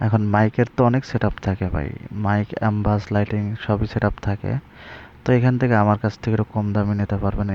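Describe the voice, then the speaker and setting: The recording is lo-fi and a bit dull, with a little hiss or hum. On it, a man with a low-leaning voice and a Bangladeshi accent, who sells online and presents videos, talks casually through a tutorial and sales pitch while often checking in with his audience.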